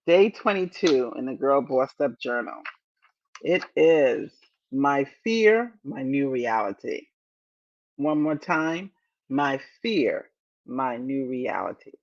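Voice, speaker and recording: Motivational host, woman in her fifties; slow and deliberate, repeats her points, slightly dull lo-fi recording. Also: extremely low pitch, lively intonation, darkish tone. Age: 50s. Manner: deliberate, repeats key phrases, encouraging. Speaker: podcast host. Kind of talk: motivational podcast talk.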